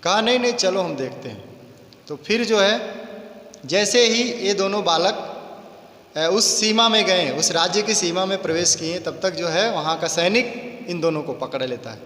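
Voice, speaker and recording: A man, a yoga teacher, telling a devotional story in a lively, conversational way, recorded in an echoey hall. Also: high-pitched, a little slow.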